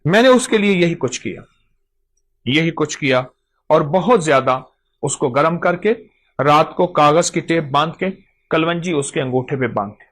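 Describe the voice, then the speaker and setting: A man's voice: a little high, animated, moderate pace, fairly bright tone. A man giving an emphatic talk on folk remedies, repeating phrases for stress. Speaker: host.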